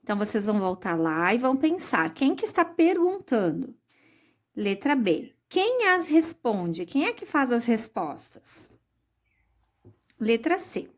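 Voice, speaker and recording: A woman teaching young children a recorded lesson, explaining slowly and patiently, with many diminutives. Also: high voice, darkish tone. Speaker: primary school teacher.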